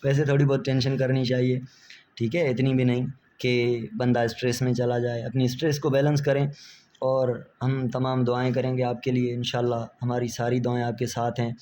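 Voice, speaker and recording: A man's voice: medium pitch, little pitch movement, moderate pace, a little mellow, a little hiss or hum. A man, a biology teacher giving friendly, reassuring exam-prep advice and mixing in English words.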